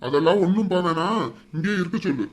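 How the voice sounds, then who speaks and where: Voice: mid-range voice, quick pace, close to an everyday voice. A performer playing a stubborn, grudge-holding father who refuses to give in. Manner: stubborn, gruff.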